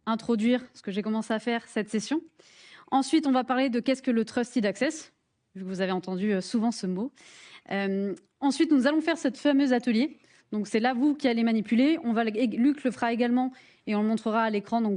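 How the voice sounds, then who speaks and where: Presenting a hands-on workshop live in a conference room, this French-accented woman speaks briskly in a fairly high, darkish voice. Her manner is warm and joking, full of fillers and false starts.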